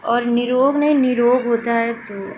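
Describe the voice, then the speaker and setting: A woman's voice: on the high side, a little slow, a little hiss or hum, poor audio. A woman teacher going through exam questions one by one, repeating each correct form to stress it. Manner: steady explanatory, repeats correct forms for emphasis. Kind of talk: exam question walkthrough lesson.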